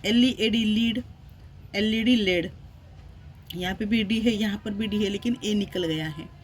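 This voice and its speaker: A woman's voice: medium pitch, measured pace, slight background noise. A woman teaching English grammar in a classroom style, spelling words out letter by letter and asking rhetorical questions.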